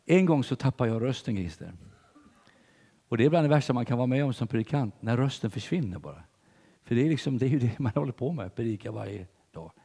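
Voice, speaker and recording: An older man preaching a sermon in church, telling stories with big swings between loud and hushed delivery. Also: mid-range voice, expressive, gravelly, husky, long reverb tail.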